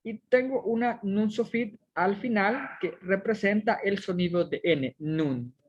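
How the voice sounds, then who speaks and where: A woman teaching a Hebrew reading lesson, methodically sounding out each syllable step by step. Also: medium pitch.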